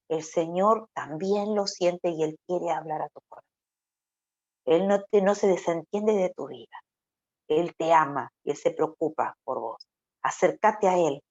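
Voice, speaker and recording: Woman preacher, Rioplatense accent, chatty animated sermon style, muffled low-fi sound. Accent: Rioplatense Spanish. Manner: lively, acts out quoted voices, asks rhetorical questions. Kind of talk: conversational sermon. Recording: dull lo-fi recording.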